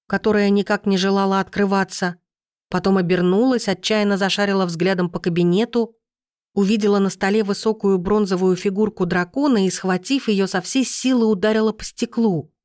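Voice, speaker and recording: A woman's voice: mid-range voice, a little mellow, no echo, clean studio sound. A woman narrating a first-person fantasy audiobook in an urgent, emotional way.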